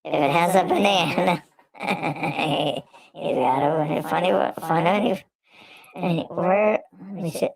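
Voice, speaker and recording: A man talking through a high-pitched, chipmunk-like voice changer, rambling casually while he tests settings on a live stream. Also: slow pace, creaky, exaggerated voice. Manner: rambling, testing settings aloud.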